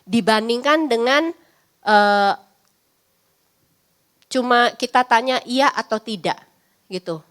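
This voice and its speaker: A woman's voice: fairly high pitch, slow pace, pauses often, a bit bright. A woman psychologist giving a parenting class in a chatty, teasing way, often acting out lines of parents and children. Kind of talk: parenting seminar talk.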